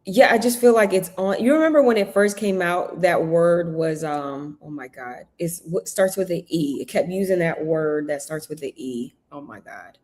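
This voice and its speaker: Chatty low-voiced woman in a casual chat. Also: moderate pace, hardly any pauses, a little mellow. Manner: chatty, trailing restarts, exclaims oh my God.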